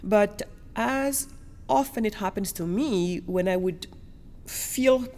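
A woman from Senegal, later resident in Germany and France, takes it slowly in a mid-range, darkish voice. As an interview guest she relates personal stories emphatically, repeating words to stress them.

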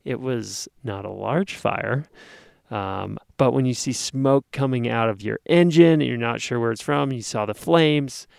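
Animated man telling a road story. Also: mid-range voice, unhurried, creaky, no room sound, studio quality. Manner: animated, acts out his own panicked shouts. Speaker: podcast co-host. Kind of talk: casual storytelling.

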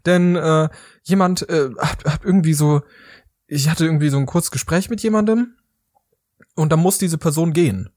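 A man's voice: fairly high pitch, normal speed, a little mellow, no room sound, clean studio sound. A man co-hosting a casual podcast chat, rambling with restarts and laughing often. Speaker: podcast co-host.

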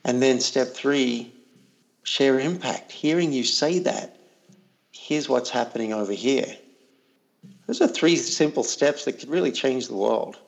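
A man speaks in an earnest, reflective way as a coach in a casual interview. His mid-range voice has a gravelly edge. He often doubles back on words while he thinks aloud. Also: mid-range voice, unhurried.

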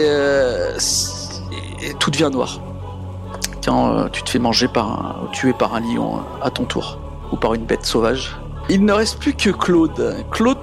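Halting male game master with creaky voice. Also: mid-range voice. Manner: hesitant, halting phrasing. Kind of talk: improvised tabletop game narration. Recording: music behind the voice. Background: music.

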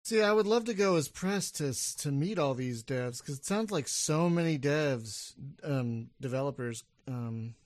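A man's voice: a little high, lively intonation, a little slow, hardly any pauses, dry recording. A man hosting a casual podcast interview, chatty and upbeat, often restarting his sentences. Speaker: podcast host.

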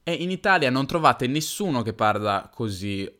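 Smooth-voiced Piedmontese man teaching. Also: mid-range voice, very animated, fairly bright tone. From Turin, Italy. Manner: unscripted, explains slowly, self-correcting and self-deprecating. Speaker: podcast host. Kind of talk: improvised educational podcast for learners.

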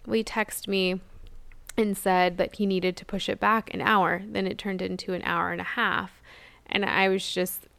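A woman's voice: medium pitch, flat delivery, normal speed, gravelly, a bit bright, no echo. A young woman co-hosting a podcast, telling stories in a chatty, laughing way. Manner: chatty storytelling with frequent laughs. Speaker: podcast co-host. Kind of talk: casual chat.

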